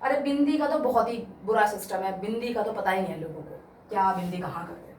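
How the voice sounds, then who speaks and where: A woman's voice: medium pitch, fast, darkish tone, echoey room, distant mic, a little hiss or hum, rough recording. A young woman with a Haryanvi accent teaching an exam-prep Hindi lesson, emphatic and repeating key words as she addresses her students.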